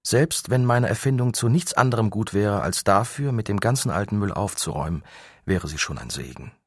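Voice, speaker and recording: A man's voice: on the low side, animated, brisk, breathy edge, dry recording, studio quality. A man reading the lines of a proud, driven male inventor who explains his plan earnestly.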